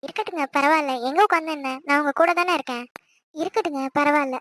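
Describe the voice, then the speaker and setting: A woman voicing a calm, caring young wife in a cartoon, speaking gently. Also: high voice, fast. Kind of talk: cartoon voice acting.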